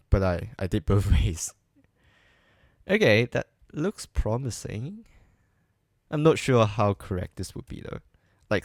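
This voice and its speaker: A man with a low, gravelly voice works through a coding problem aloud at an unhurried pace. He hesitates often and makes light fun of his own mistakes, and the dry recording has no room sound. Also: no room sound. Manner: hesitant, full of ums and restarts, self-deprecating. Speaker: coding streamer. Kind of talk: thinking aloud while live coding.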